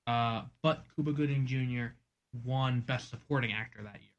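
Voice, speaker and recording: A man's voice: medium pitch, normal speed, muffled recording. A man co-hosting a casual movie podcast, rambling with many ums and getting exasperated. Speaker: podcast co-host. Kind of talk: casual chat.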